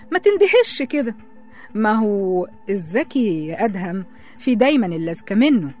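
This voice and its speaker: A woman with an Egyptian accent playing a cunning young woman who calmly taunts her rival. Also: medium pitch, lightly acted. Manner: calm, taunting, in control. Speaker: office colleague. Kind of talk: radio drama acting.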